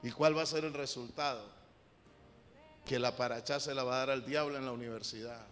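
A man preaching a sermon, theatrical, swinging from shouts to mocking asides. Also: medium pitch, fairly even intonation, fairly quick. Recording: long hall reverb with loud music. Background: music.

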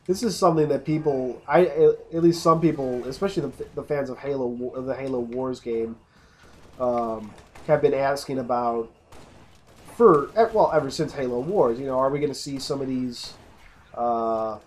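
Speaking at a normal speed and medium pitch, a man hosts a let's play with offhand commentary. He tends to ramble, cut himself off, and begin his sentences again.

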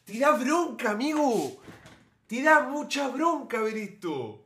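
A man with an Argentine Spanish accent who reacts to a video on a live stream. His voice is high and very animated, full of indignant exclamations. He talks in a loose, slangy, colloquial way. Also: slow pace. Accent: Argentine (Rioplatense) Spanish.

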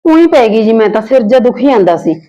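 A woman's voice: animated, fast talker, dark tone, muffled recording, close to an everyday voice. A woman playing a jealous aunt who complains about her niece and nephew. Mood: complaining. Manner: complaining, shrill when angry. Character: scheming jealous village aunt, middle-aged.

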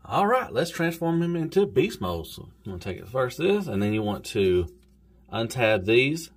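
A man's voice: medium pitch, very animated, normal speed. Easygoing Southern man reviewing toys. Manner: easygoing, rambling, says "golly" and "y'all". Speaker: toy reviewer. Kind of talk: casual toy review.

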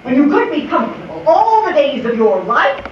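A woman's voice: sits high, sing-song, moderate pace. A woman playing a haughty, wealthy old aunt in a stage play, scolding and admonishing with emphatic delivery. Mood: scornful. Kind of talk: live stage play acting. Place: theatre in the round, far camera, audience around. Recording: muffled, noisy camcorder in echoey theatre, distant.

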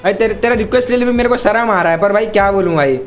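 A man's voice: high-pitched, rapid-fire. A man streaming a mobile shooter game, bantering with mock anger and laughter. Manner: mock-angry, teasing, laughing. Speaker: gaming streamer. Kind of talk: casual banter while gaming. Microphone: headset on voice call. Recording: game music behind.

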